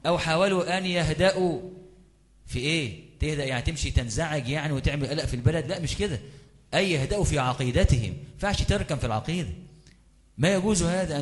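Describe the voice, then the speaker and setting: A man preaching a religious lecture in an Egyptian accent, mixing Quranic recitation with colloquial talk and asking his listeners rhetorical questions. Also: fairly high pitch. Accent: Egyptian Arabic. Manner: asks the audience rhetorical questions.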